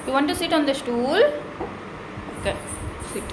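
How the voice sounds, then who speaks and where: A woman's voice: sits high, very slow. A young woman talking to her toddler and her viewers at home in a casual vlog, coaxing and playful, mixing Hindi and English. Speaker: vlogger and mother. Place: home kitchen. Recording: home video with clear background noise.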